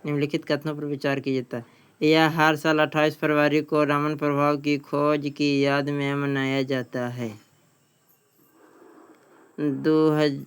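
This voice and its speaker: A male teacher doing exam coaching reads quiz questions aloud along with their answers. His voice is strikingly clean and smooth, a little high in pitch, with very little melody. He speaks plainly and often repeats a phrase.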